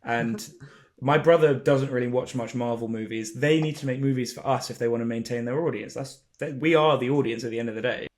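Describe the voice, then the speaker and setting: A man's voice: mid-range voice, a little fast. A man chatting about films as a podcast co-host, enthusiastic and emphatic, with casual swearing. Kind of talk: casual film discussion.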